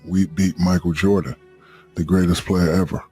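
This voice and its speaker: A man's voice: sits low, little pitch movement, moderate pace, a little mellow, breathy edge, faint music behind. A man in his fifties, a podcast guest, telling rambling anecdotes in casual chat and swearing freely. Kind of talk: casual storytelling.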